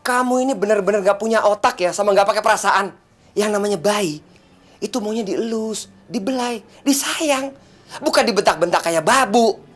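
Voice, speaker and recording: Casting: stern husband, lecturing tone, faint music underneath. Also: male voice, high voice, moderate pace, fairly bright tone. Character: stern husband rebuking his wife.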